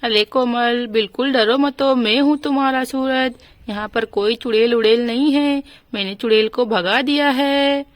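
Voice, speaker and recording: A woman voicing a village husband and father in a doll storybook, speaking in a lowered voice with a fussing, boastful manner. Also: steady tone, a little slow, no room sound, natural voice.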